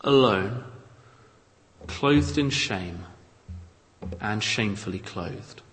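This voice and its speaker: Male preacher, measured and emphatic, unhurried, recorded in a reverberant hall. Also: on the low side, expressive, a bit bright. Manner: measured, emphatic, dramatic scripture reading. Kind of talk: expository sermon. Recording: long reverb of a large hall.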